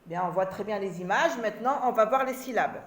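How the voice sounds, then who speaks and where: A woman's voice: mid-range voice, animated, a little fast. A woman teacher giving a reading lesson to children, sounding out words syllable by syllable and repeating them patiently. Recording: echoey room.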